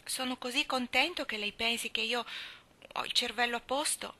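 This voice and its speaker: A woman's voice: a little high, moderate pace, bright, forceful tone, voice pushed up. A woman voicing a thoughtful, anxious young schoolboy in an audiobook reading. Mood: earnest. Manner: solemn, anxious, talks like a grown-up.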